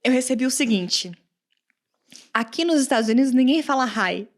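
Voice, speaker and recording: A woman from the Brazilian countryside, with an accent to match, chats casually as a guest English teacher on a podcast. Animated and laughing often, she acts out quoted comments in a high voice at a moderate pace.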